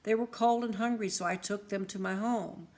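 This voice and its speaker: A woman's voice: medium pitch, fairly even intonation, moderate pace, a little mellow, close to an everyday voice. Woman doing a firm, commanding older man. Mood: reassuring. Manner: urgent, commanding.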